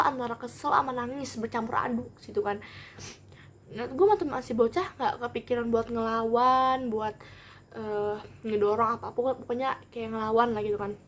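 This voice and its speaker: A young woman telling a childhood story in a casual vlog, animated and rambling. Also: fairly high pitch, slight background noise. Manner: animated, rambling, acts out every quote. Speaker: vlogger.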